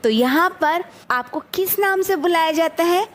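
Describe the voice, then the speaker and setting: A woman teacher with a very high voice and measured pace explains a children's poem to young pupils. She goes over word meanings and asks viewers to answer questions in the comments.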